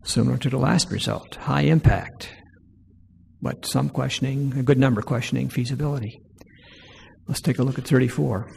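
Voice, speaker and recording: A man presenting poll results to an audience, reading each item aloud more loudly and slowly. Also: mid-range voice, gravelly, a little hiss or hum. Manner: reads each item aloud louder and slower. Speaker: presenter leading a workshop poll. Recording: long hall reverb.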